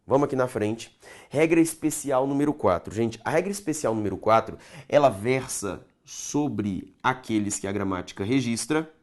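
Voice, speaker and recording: A man teaching a grammar lesson, stretching key words and checking in with the viewer. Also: medium pitch.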